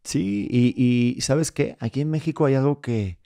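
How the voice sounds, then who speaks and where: Man, podcast host, mid-pitched voice, casual chat, emotional, jokey, animated storyteller. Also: a little slow.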